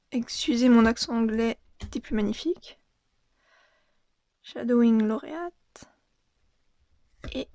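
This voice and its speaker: A young woman casually opening and commenting on trading cards, reading them out in a soft, murmured voice that often drops to a half-whisper. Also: fairly high pitch, no room sound. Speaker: card unboxing vlogger.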